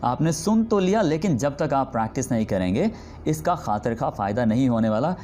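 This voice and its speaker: A man teaching English pronunciation, repeating each example word slowly and deliberately. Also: mid-range voice, very animated, mellow, soft background music. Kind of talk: spoken pronunciation lesson.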